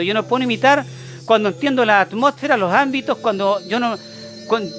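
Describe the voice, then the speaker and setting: Preaching as an apostle, a man with a Chilean Spanish accent uses a high, fairly bright voice. His sermon is emphatic and repetitive, full of rhetorical questions to his listeners.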